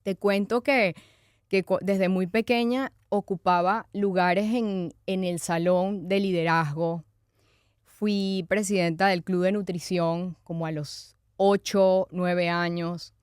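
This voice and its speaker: Woman, interview guest, clear smooth voice, dry close mic. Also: fairly low pitch, steady tone, takes it slowly, darkish tone, dry recording. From Venezuela. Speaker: guest, author and speaker. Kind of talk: conversational interview.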